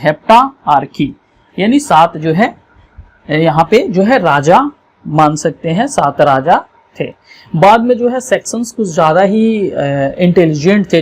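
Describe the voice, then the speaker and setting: Over a map, a teacher gives an exam revision lesson, explaining things slowly and checking often that students are keeping up. The voice is mid-range with a breathy edge.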